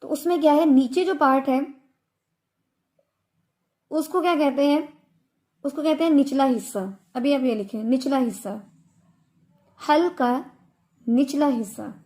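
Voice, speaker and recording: A woman's voice: sits high, mellow. A woman teaching Quran recitation in an online lesson, explaining patiently and stretching out her examples. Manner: slow, patient explaining with drawn-out Arabic examples.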